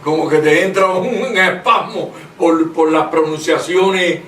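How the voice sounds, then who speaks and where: High-pitched male preacher, emphatic, reads verses slowly; distant mic in a roomy space. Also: fairly bright tone. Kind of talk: preaching in conversation. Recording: echoey room, mic at a distance, faint noise.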